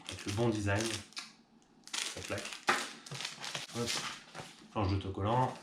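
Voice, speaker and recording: A man's voice: fairly low pitch, steady tone, a little slow. A man who runs an online shop, chatting casually and upbeat with fillers as he unboxes a product. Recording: echoey room with clear background noise.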